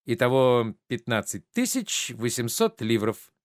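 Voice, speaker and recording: A man's voice: mid-range voice, very animated, measured pace, no echo, clean studio sound. A man reading a stage play aloud, voicing a gullible, eager middle-aged bourgeois who fawns over a noble. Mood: reckoning.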